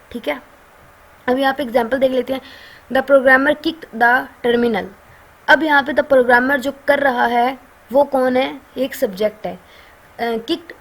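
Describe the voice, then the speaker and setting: A woman with a Pakistani accent explaining a course lecture in a conversational way, often pausing with fillers and checking in with her listeners. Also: fairly high pitch. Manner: conversational, frequent "ठीक है" check-ins and filler pauses. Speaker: online lecturer.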